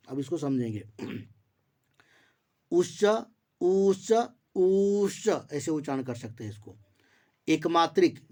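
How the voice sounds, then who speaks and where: A man teaching Sanskrit grammar in an online class, explaining patiently, repeating terms and drawing out vowel sounds to show their length. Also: fairly high pitch. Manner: draws out vowel sounds slowly to demonstrate length. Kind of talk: online lecture.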